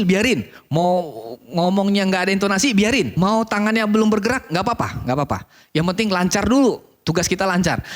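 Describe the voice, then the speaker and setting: A man teaching a public speaking course, often asking questions and answering them himself, repeating key phrases for emphasis. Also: fairly high pitch. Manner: animated, asks and answers his own questions. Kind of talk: online course lesson.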